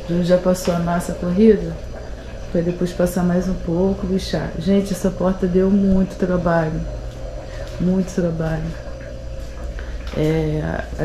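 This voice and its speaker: A thirtysomething Brazilian vlogger with a sore throat sounds hoarse as she chats to viewers in a casual home vlog, phone held at arm's length inside her house under renovation. Her voice sits on the low side with a Brazilian Portuguese accent, and the echoey room has clear background noise.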